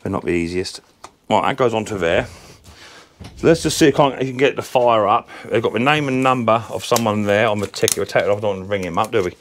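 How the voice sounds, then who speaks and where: In his workshop, a man hosts a casual lawnmower repair vlog, his lowish voice croaky from a sore throat. He talks quickly, chatty and rambling, with lots of ums.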